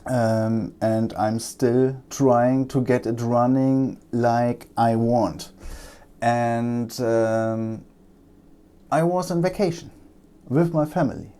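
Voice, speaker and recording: Steady, smooth and dark-toned, this mid-range male voice belongs to a German repair technician with a German accent. He narrates a laptop repair at his bench in casual vlog fashion, pausing haltingly with lots of ums and uhs.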